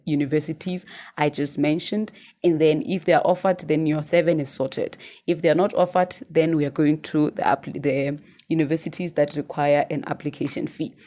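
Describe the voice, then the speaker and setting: A woman vlogger giving casual advice, often ending her points with "right?" and filling pauses with "um" and "uh". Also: low voice, mellow. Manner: chatty, ends points with "right?"; many fillers and restarts. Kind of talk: informal advice monologue.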